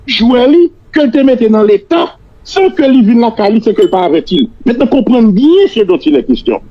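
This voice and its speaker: A Haitian man, native in Creole, giving political analysis and mixing French with Creole, often repeating words haltingly as he builds a point. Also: very high-pitched. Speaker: political commentator. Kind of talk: political analysis on a talk show. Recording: dull lo-fi radio-like audio.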